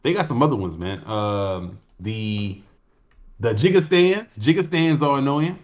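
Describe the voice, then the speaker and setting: A man co-hosting a casual podcast, joking and teasing in lively banter. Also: medium pitch, unhurried, muffled recording. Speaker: podcast co-host.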